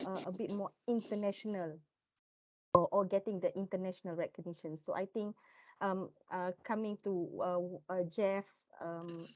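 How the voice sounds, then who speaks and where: A woman's voice: fairly low pitch, a little mellow, dry recording, highs cut off. A woman from Malaysia speaking up on a webinar, hesitant and full of fillers. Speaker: webinar attendee. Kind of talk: asking a question on a video call. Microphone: video call.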